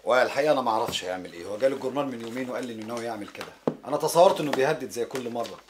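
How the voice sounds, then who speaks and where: Calm Egyptian relative, played by an actor. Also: male voice, mid-range voice, racing, noisy background, lightly acted. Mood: worried. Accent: Egyptian Arabic. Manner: pleading, calming. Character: calm worried relative bringing bad news. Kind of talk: Egyptian film drama.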